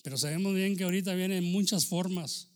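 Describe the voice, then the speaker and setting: A man preaching a sermon as pastor, swinging between loud exclamations and low asides. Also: fairly even intonation, a little fast.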